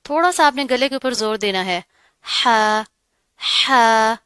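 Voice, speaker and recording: A woman teaching Quran recitation rules, explaining patiently and often checking in with the learner, with slow, melodic recitation. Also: high-pitched, animated, a bit bright, smooth, no room sound. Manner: recites verses slowly and melodically. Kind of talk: tajweed lesson.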